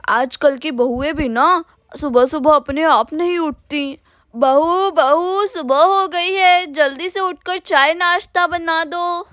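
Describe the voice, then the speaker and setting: A woman's voice: high voice, slow, a bit bright, dry recording, clean studio sound. A woman voicing a bossy, fussy old village grandmother in a doll cartoon, grumbling and scolding.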